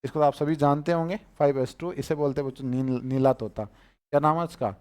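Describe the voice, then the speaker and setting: A man with a Rajasthani Hindi accent gives a chemistry lesson in a smooth, resonant voice that sits a little high for a man. He drills his students, saying each name and asking them back again. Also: fairly even intonation, fairly quick, darkish tone. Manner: repeats each term and quizzes the students on it. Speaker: teacher. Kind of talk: chemistry class lecture.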